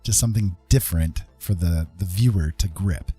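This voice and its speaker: He has a deep, dark, husky voice and speaks at a normal speed, with soft music in the background. As a digital art streamer and instructor, he guides a live tutorial informally and easygoingly, tagging points with small check-in questions.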